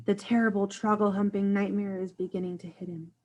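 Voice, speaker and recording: A woman voicing a gentle, cautious male storybook giant who speaks quietly and earnestly in quaint garbled grammar. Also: medium pitch, little pitch movement, fairly quick, lo-fi sound, lightly acted. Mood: hushed, knowing. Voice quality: hushed.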